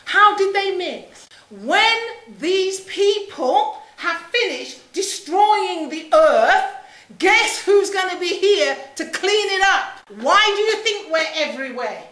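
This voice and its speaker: Woman from Saint Kitts, middle-aged, high voice, impassioned public speaker, emphatic, rhetorical, roomy echo. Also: expressive, slow, a bit bright. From Saint Kitts in the Caribbean, moved to England aged seven. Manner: emphatic, rhetorical, with repetition and questions. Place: indoor room, speaking to an audience. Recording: roomy, echoing live talk.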